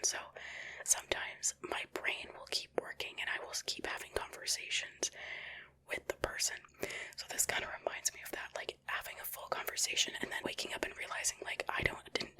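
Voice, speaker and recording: Woman whispering bright, casual ASMR reading. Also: low-quality recording. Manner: casual, chatty reactions full of "like" and "um". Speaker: ASMR channel host.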